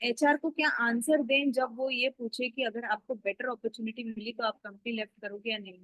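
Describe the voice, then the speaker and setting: A woman's voice: fairly high pitch, fairly even intonation, moderate pace, fairly bright tone, dry recording, rough recording. A woman trainer giving an online class, answering students by name and coaching them on interview replies, mixing English phrases into her speech. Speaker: communication skills trainer.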